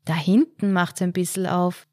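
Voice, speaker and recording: A woman reads a calm, unbothered elderly husband, low and dry in tone. Storybook reading, close dry sound. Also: moderate pace, no echo, natural voice.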